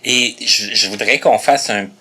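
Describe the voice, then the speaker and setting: A man's voice: lowish voice, measured pace, pushed and bright, slightly rough. Chatty Quebec French male host. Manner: chatty, laughs often, hesitant restarts. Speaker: podcast host. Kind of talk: casual interview.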